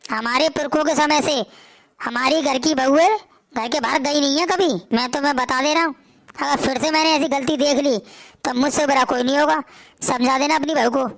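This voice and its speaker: A woman's voice: high-pitched, steady tone, normal speed, creaky. A woman voicing a strict, tradition-bound older father-in-law who lectures in a domineering way in a cartoon story. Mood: stern lecture.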